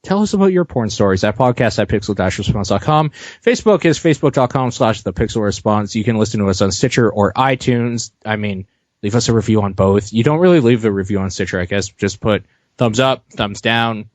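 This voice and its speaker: A man's voice: on the low side, lively intonation, fairly quick, darkish tone, dry recording. A tipsy man co-hosting a casual podcast, rambling and giggling as he wraps up the show. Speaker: podcast co-host. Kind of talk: casual drunk podcast chat.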